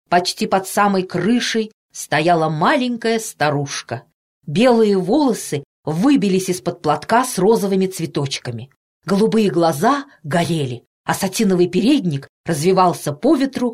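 Expressive woman reading a children's story. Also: lowish voice. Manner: expressive, playful. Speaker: narrator.

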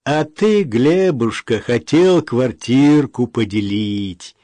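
A man's voice: medium pitch, lively intonation, slow, dark tone, dry recording. A man voicing a sarcastic, hot-tempered adult son who argues heatedly over an inheritance in an audiobook. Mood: indignant. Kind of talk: audiobook character reading.

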